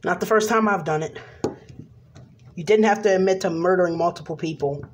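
A woman improvising a toy play video and voicing every figure herself, rambling and hesitant with many pauses and restarts. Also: on the low side, a little hiss or hum. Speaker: toy video creator voicing all characters.

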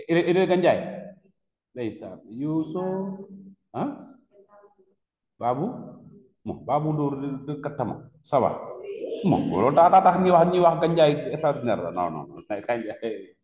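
A man's voice: medium pitch, sing-song, measured pace, lo-fi sound. A man with a Senegalese French accent teaching a class, questioning students and repeating key words with emphasis. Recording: echoey classroom with long reverb.

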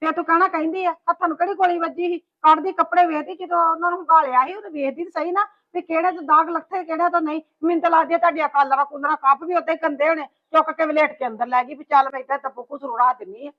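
A woman's voice: extremely high pitch, fairly even intonation, fast, hardly any pauses. A woman playing a complaining mother-in-law in a family drama, scolding as she talks. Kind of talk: amateur family drama acting. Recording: dull lo-fi recording.

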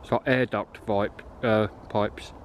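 Slight background noise sits under this slow, steady, lowish male voice. He's an urban explorer from England, wandering outside and through derelict farm barns, chatting to viewers and thinking out loud in a relaxed narration of the abandoned site.

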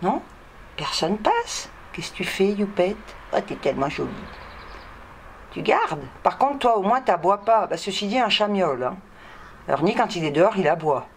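A woman's voice: mid-range voice, sing-song, normal speed, slight background noise. A French woman vlogging at home, scolding and cooing at her cats in a chatty way and tagging "hein" onto everything. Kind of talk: casual vlog talking to her pets.

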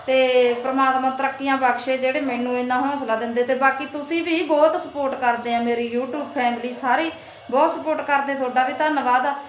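A woman's voice: high voice, roomy sound, slight background noise. A woman vlogger with a Malwai Punjabi accent, talking to camera in a heartfelt, thankful way and repeating herself. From Punjab, India. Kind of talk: casual talk to camera.

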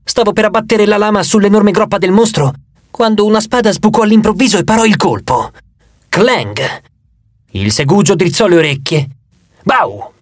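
A man narrating an audiobook in the first person, with expressive, dramatic storytelling. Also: high-pitched, no room sound.

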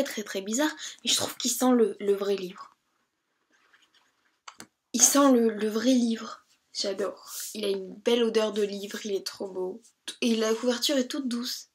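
Chatty high-voiced young Frenchwoman. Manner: chatty, giggly, self-deprecating. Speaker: booktuber. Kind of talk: casual book haul vlog.

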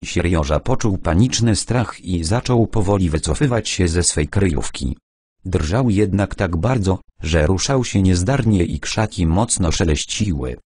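A man narrating an audiobook in a calm, even storytelling manner. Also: low voice, unhurried, slightly rough, no room sound, clean studio sound.

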